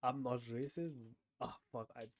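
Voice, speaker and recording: A man's voice: medium pitch, moderate pace, dry recording. A man streaming a guessing game, thinking aloud with frequent swearing and sudden bursts of disbelief. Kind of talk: casual game commentary.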